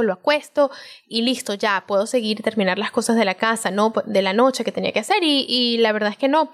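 A woman co-hosting a casual podcast chat, a doctor and mother recounting parenting mishaps with laughter. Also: a little high. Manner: expressive, laughing, drawn-out phrases.

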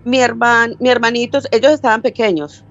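A woman's voice: fairly high pitch, steady tone, brisk. Brief: older woman, Medellín Colombian accent, rambling storyteller, dull lo-fi line with faint music. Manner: rambling, self-correcting, acts out quoted dialogue. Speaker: caller sharing a story. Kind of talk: casual storytelling.

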